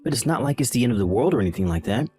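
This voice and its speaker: A man's voice: medium pitch, animated, racing, dark tone, natural voice. A man voicing a callous, dismissive husband. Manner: dismissive, irritated, belittling. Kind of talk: voice-acted text-message drama.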